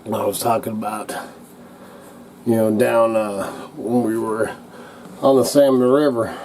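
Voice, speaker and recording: A middle-aged or older man with slightly slurred speech, rambling casually to camera as a vlogger in a halting, folksy, coarse-mouthed redneck way. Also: on the low side, fairly even intonation, a little mellow, a little hiss or hum. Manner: halting, drawn-out, searching for words.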